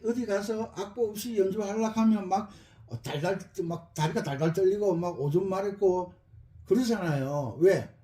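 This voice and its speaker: Lively high-voiced man teaching music. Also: echoey room. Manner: lively, repeats key phrases, jokes with students. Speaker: accordion teacher. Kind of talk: spoken music lesson.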